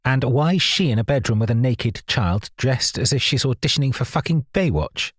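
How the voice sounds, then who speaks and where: A man's voice: mid-range voice, lively intonation, moderate pace, no echo, clean studio sound, voice pushed up, natural voice. A man reading an angry, accusing father. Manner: indignant, accusing. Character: angry suspicious father, sharp-tongued. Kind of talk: audiobook reading.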